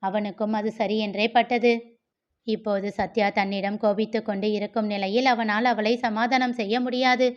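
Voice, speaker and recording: A woman's voice: mid-range voice, fairly even intonation, moderate pace, muffled recording. Woman narrating a novel. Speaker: storyteller. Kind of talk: novel read aloud.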